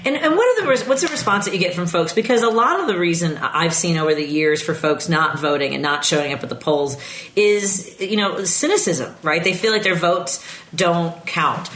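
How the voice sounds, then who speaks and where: A woman's voice: fairly low pitch, normal speed, fairly bright tone. A woman hosting a live radio talk show in a chatty manner, laughing often as she talks with guests. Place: radio studio. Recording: roomy studio echo.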